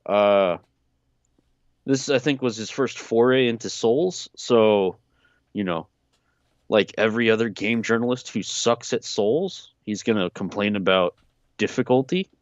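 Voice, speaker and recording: A man co-hosts a podcast and rants casually, swearing as he goes. His voice sits a little low. The recording is dull and lo-fi, with a dry sound. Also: a little slow, dry recording. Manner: ranting, swears freely. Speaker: podcast co-host.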